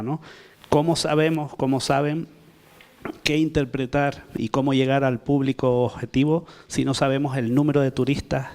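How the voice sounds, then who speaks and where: Man, mid-pitched voice, polite, long-winded question from the audience. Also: a little mellow. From Canary Islands, Spain. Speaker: audience member asking questions. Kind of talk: workshop Q&A question.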